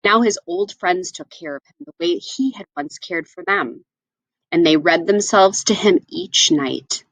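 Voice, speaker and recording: A woman narrates a children's tale in a vivid read-aloud manner, her pitch shifting freely and with animation as she molds each phrase carefully. Her phrasing is deliberate and she speaks directly to listeners in asides. The room adds no echo, leaving the sound dry.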